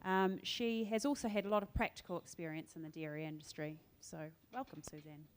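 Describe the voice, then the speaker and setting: A woman's voice: fairly low pitch, flat delivery, fairly quick, clean tone. A woman acting as session chair, making introductions and announcements at a conference. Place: indoor conference venue.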